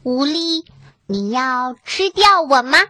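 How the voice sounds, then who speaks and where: A woman voicing a clever, calm little duckling in a children's storybook, speaking earnestly and coaxingly. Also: high-pitched, slow pace, no echo, pitched below the performer's own voice, full character voice. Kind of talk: storybook reading.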